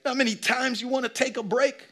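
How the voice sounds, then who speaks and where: A man in his thirties preaching a lively sermon on a church stage, swinging from shouts to low asides and acting out little scenes. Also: fairly quick. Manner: animated preaching, shifting between loud shouts and low asides. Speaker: pastor. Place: church stage with a seated audience.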